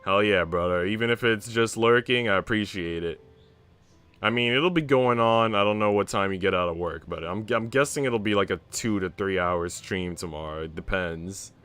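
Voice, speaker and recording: With music in the background, a young man streams a visual novel at a moderate pace. His fairly low voice is clean and a bit bright, and he trades relaxed, slangy chat for stretches of reading aloud.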